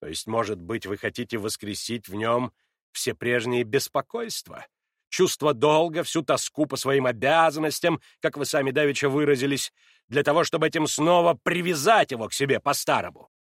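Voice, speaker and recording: A man playing a cold, self-righteous aristocrat who talks in a measured, condescending way, in an audiobook reading. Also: medium pitch, a bit bright, dry recording, studio quality, close to an everyday voice. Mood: cold haughty.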